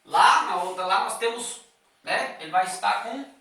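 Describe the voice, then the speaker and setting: A man's voice: high voice, lively intonation, moderate pace, sharp tone. A man teaching a lesson, explaining step by step and checking in with his listeners often. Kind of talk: classroom lecture. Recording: echoey room, voice from a distance.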